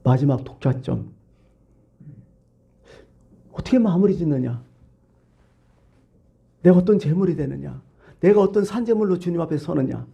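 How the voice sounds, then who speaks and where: A man's voice: fairly high pitch, expressive, normal speed, creaky, pauses often, highs cut off. A male pastor preaching a sermon, telling a parable and asking rhetorical questions.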